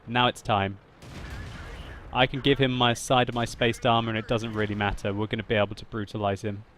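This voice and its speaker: A man narrating his own tank battle gameplay as a voice-over commentary, laughing often and getting loud and excited at big moments. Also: lowish voice, brisk, a little hiss or hum. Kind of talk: video game commentary voice-over.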